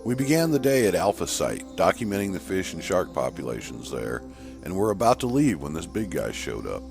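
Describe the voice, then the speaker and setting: Heavily acted over background music, a man's low, gravelly voice moves in a brisk, sing-song way. He voices an earnest male shark researcher in an audio horror story, recounting an attack with emphatic conviction.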